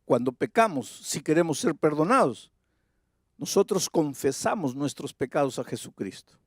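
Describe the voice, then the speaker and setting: A man's voice: on the high side, sing-song, normal speed, breathy edge, no echo, studio quality. A male pastor preaching an evangelistic sermon in an emphatic way, repeating his key phrases.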